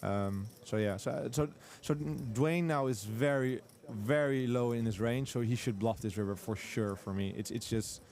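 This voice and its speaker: A man giving live poker commentary, walking through bet sizing and hand ranges. He sounds analytical, and he often restarts sentences and stacks up quick yeahs. His voice sits at an ordinary middle pitch. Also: a little mellow. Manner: analytical, explains hand strategy with frequent restarts and repeated yeahs.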